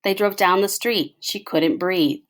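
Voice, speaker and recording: A woman reads a picture book aloud for children. Her medium-pitched voice narrates expressively, in clear storytelling style. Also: a little slow. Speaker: storybook reader.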